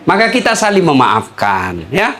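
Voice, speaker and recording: A man's voice: fairly high pitch, wildly swooping pitch, moderate pace, fairly bright tone. A man preaching a humorous sermon with a Makassar Indonesian accent, joking and acting out dialogue in changed voices.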